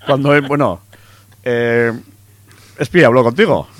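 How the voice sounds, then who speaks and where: A man with a Spanish accent chats casually on a rock radio show. He sounds relaxed and teasing, with a mid-pitched voice. The studio sound is dry and close. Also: unhurried, no room sound. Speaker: radio host.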